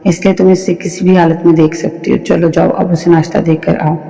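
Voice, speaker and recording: A man's voice: a little high, flat delivery, fairly quick, creaky, warm tone, long reverb tail, soft background music. A man reading the lines of a stern, dismissive young husband in a story, firm and scolding.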